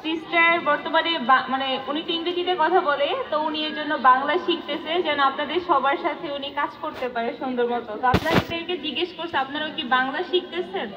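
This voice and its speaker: A woman with a very high voice interprets consecutively for an audience in everyday, colloquial wording. She is heard from a distance in an echoey room, with a crowd clearly audible behind her. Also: quick pace, few pauses. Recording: echoey room from afar, muffled, crowd noise.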